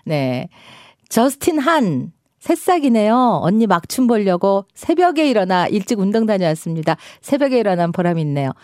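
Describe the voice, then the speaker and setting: A woman's voice: medium pitch, sing-song, moderate pace, a little mellow, dry recording, studio quality. A woman radio host leading an interactive language lesson, asking questions and prompting repetition.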